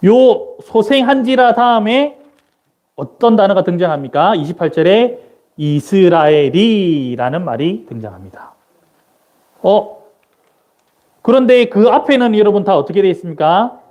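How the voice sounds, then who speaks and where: A man's voice: high voice, big pitch swings, unhurried, dull audio. A man preaching a Sunday sermon as a missionary at a church service on a microphone. He keeps asking the congregation questions and then answers them himself. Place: church sanctuary during a service.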